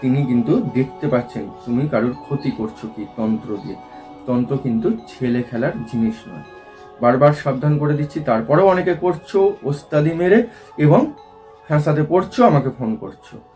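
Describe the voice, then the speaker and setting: A man who hosts a tantric advice channel, giving a lecturing, scolding spiritual monologue to camera. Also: medium pitch. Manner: chants mantra slowly and loudly. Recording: faint music in background.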